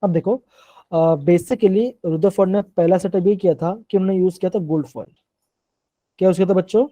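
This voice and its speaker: A man's voice: high voice, brisk, warm tone, dry recording. A man teaching a class live online, often asking questions and repeating them, mixing terms into his sentences.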